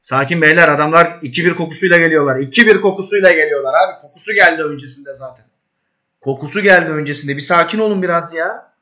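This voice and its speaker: A man playing a football management game, talking to his players as their coach, calming and scolding them and shouting when an attack builds. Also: quick pace. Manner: bursts into high shouts at attacks. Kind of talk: live commentary while gaming.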